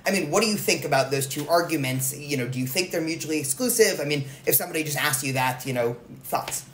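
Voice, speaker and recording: A man's voice: on the high side, fast talker, a bit bright. A man hosting a podcast in casual conversation, rambling and correcting himself with lots of fillers. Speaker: podcast host. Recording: roomy echo, faint noise.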